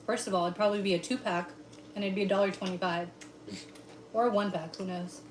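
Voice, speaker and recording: A woman's voice: mid-range voice, fairly even intonation, brisk. Joking woman chatting while she cooks, echoey kitchen, faint hiss. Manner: playful, joking. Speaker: co-host of a cooking livestream. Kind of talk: casual chat while cooking and eating. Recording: echoey room with faint noise.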